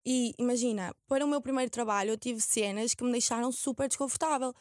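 A young woman with a European Portuguese accent and a fairly high voice, recorded dry and close. She talks as a guest in a casual chat, informal and slangy, dropping in English words. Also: fast, a little mellow, no echo. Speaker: guest, actress.

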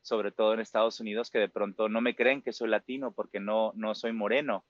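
A man's voice: on the low side, steady tone, a little fast, no room sound, highs cut off. A Mexican man in his forties with a Mexican Spanish accent, a musical theater performer talking reflectively in an interview, full of fillers and tag questions. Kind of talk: casual interview talk.

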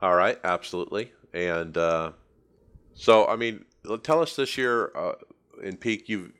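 Very deep-voiced podcast host. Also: male voice, unhurried, a bit bright, clear, resonant tone. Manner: conversational, leading questions with fillers. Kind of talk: interview questions.

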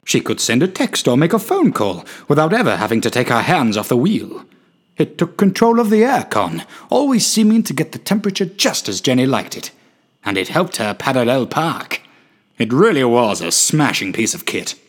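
A man with a medium-pitched, sing-song voice narrates a scripted, darkly comic story at a moderate pace. His storytelling is wry and dramatic.

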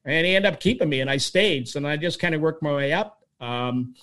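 A man's voice: fairly high pitch, fairly quick. Rambling storyteller man in his sixties. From Toronto, Canada. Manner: rambling, animated storyteller with frequent restarts. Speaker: guest. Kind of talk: storytelling interview answers.

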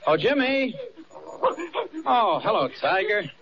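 A man's voice: high voice, very animated, takes it slowly, highs cut off, a crowd in the background, heavily acted. An actor playing an anxious heroic man calling out and urgently coaxing a dog, in 1940s radio acting on an old recording.

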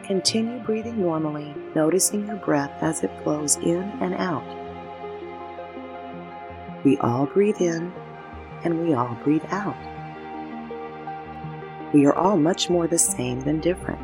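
Low-voiced woman leading guided meditation. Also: unhurried, long pauses, music in the background. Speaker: meditation guide and show host. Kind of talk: guided meditation, scripted narration.

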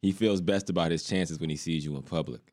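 A man hosting a sports podcast, nudging his guest along in casual chat with short questions and quick agreements. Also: low voice, darkish tone. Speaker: podcast host.

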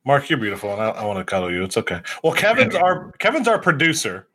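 Thirties guy hosting a podcast, bright voice, bouncy up and down, laughs a lot. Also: mid-range voice, huge pitch swings, quick pace, husky. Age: 30s. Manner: laughs often, rambling with restarts. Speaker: podcast host. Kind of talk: casual podcast chat.

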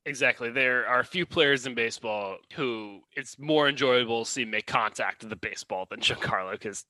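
A man runs a casual sports podcast in a dry, matter-of-fact way. His voice is bright and forward, and it sounds close and dry, with no room echo. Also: medium pitch, moderate pace. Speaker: podcast co-host.

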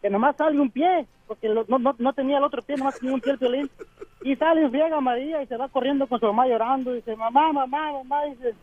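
A man calling into a radio show, telling a joke in a fast, rambling way. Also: very high voice. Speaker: caller, restaurant worker. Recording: dull phone line.

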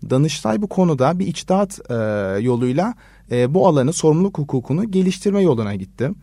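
A man who is a law research assistant, answering interview questions in a measured way with many hesitation fillers. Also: fairly high pitch, animated, warm tone, husky, no echo, studio quality. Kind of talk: explanatory radio interview answers.

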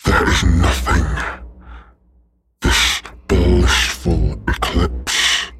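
A man's voice: sits low, little pitch movement, a bit bright, soft background music, exaggerated voice. A man playing a weary, angry, imperious chained dragon in a tabletop role-play, speaking formally and menacingly. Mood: impatient, imperious. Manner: slow, menacing, archaic formal speech.

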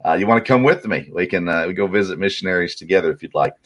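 A man's voice: low-pitched, quick pace. A man hosting a sports podcast, chatting casually with many fillers and restarts. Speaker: podcast host.

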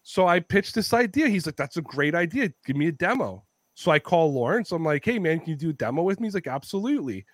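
Male podcast host, higher-pitched and lively, swears freely, acts out quotes, dry close mic. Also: fast talker, no room sound. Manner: animated storytelling, swears a lot, acts out quotes. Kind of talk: casual podcast chat.

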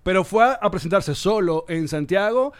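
A man's voice: sits high, lively intonation, normal speed. A man with a Venezuelan accent hosting a podcast, teasing his guest in casual banter. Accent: Venezuelan Spanish. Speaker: podcast host.

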